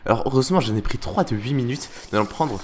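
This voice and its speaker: A man's voice: mid-range voice, animated, fast talker, a little hiss or hum. A man hosting a semi-roleplay game video, commenting in a mock-formal, theatrical way with many hesitations. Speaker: let's play host.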